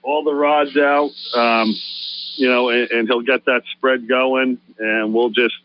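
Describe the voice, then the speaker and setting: A fishing charter operator appears as a guest on a radio show, explaining things in a relaxed manner full of fillers during a casual interview. His mid-range voice stays level and slow, recorded dry with no room sound in a radio studio, and the audio has a dull, lo-fi quality.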